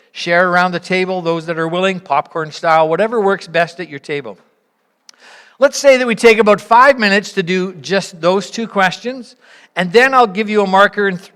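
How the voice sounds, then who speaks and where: Speaking to a church gathering in a large, echoing room, a church leader offers instructions and reflection in an encouraging, invitational and explanatory way. The voice is mid-range and a bit bright, and the recording carries reverberant hall sound.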